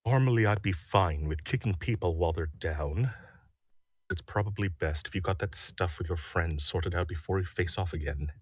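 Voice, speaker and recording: Speaking at a normal speed, a man voices a smug villain boyfriend for ASMR roleplay, his voice husky and very deep. The teasing stays dry and unhurried in tone, never loud. It's miked up close in a dead space, with no room sound at all.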